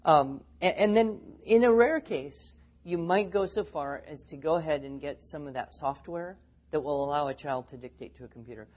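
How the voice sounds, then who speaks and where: A man's voice: a little high, moderate pace, a little mellow, lo-fi sound. A man speaking at a teaching seminar, telling stories and acting out the quotes. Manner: storytelling, acts out quotes. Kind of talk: seminar talk with anecdotes.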